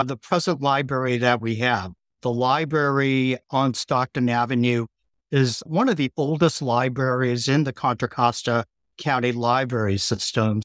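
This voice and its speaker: Middle-aged man, steady and explanatory. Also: mid-range voice, dry recording, clean studio sound. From San Francisco Bay Area, California. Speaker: city councilmember, guest. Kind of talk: interview conversation.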